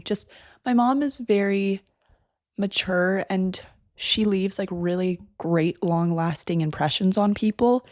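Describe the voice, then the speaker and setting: A woman's voice: lowish voice, darkish tone, no room sound, studio quality. A young woman in her twenties hosting a casual solo podcast, chatty and rambling, sounding a bit congested. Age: 20s. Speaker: podcast host. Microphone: desk microphone.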